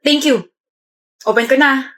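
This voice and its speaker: A woman performs a comedic skit in a somewhat high voice, with teasing, playful banter. She was recorded in an echoey room. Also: measured pace, a bit bright.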